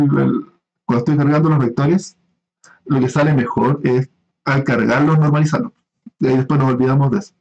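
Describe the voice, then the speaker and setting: A university lecturer with a voice on the high side and a darkish tone gives a recorded online class over lo-fi sound. He explains step by step, uses frequent fillers, and checks in with his students.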